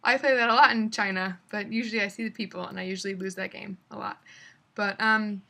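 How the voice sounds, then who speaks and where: Young woman, vlogger, bright tone, chatty, lots of fillers. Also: medium pitch, fairly even intonation, a little fast, vocal fry. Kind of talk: casual travel vlog storytelling.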